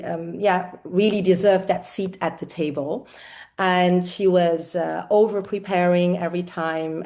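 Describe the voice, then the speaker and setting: A woman's voice: fairly low pitch, darkish tone. A middle-aged woman from the Netherlands, an executive coach, answering interview questions in a thoughtful way with frequent fillers.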